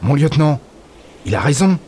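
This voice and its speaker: A man's voice: on the high side, very animated, moderate pace, darkish tone, breathy edge. Man doing a level-headed soldier. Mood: analytical. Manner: matter-of-fact, explanatory. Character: calm methodical male soldier, analytical.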